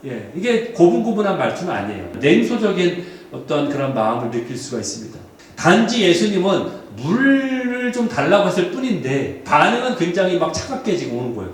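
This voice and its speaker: A male pastor preaching a sermon, telling the story in a lively way and often asking the congregation questions. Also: sits high, a little fast. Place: church sanctuary. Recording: very echoey hall, voice from far off.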